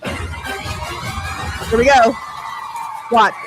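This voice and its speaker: A woman's voice: fairly high pitch, fairly even intonation, extremely slow, over loud music. Chatty middle-aged woman streaming live. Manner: chatty, laughs often, answers viewers' comments by name. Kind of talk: casual live stream chat.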